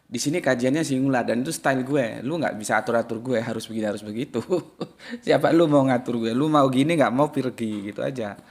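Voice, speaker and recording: A man giving a casual religious lecture as an Islamic study teacher, blunt and slangy, jumping from loud emphatic bursts to low muttered asides. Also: brisk.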